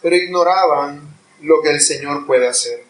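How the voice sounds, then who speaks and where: A man's voice: on the high side, moderate pace. A man preaching a sermon in a church, earnest and at times rising to impassioned pleading. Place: church hall. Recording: echoey room, voice far from mic.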